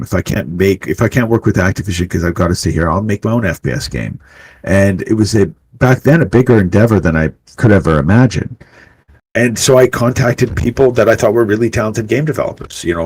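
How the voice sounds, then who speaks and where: A man's voice: on the low side, breathy edge, rough recording. A man who grew up in Canada, a game developer talking over a video call in a casual interview, earnest and rambling, restarting his sentences. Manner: rambling, earnest, warm-hearted talk with frequent restarts.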